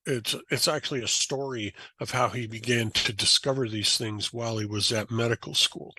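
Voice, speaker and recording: A man chatting on a podcast, explaining ideas calmly and slipping into animated quoted voices. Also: medium pitch, normal speed, husky, no echo, rough recording. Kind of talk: conversational podcast chat.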